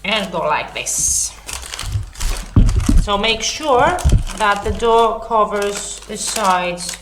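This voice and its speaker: A woman's voice: mid-range voice, lively intonation, extremely slow, reverberant, heavy background noise. A woman hosting a home cooking lesson, chatty, with many fillers and self-corrections. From Greece. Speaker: cooking show host.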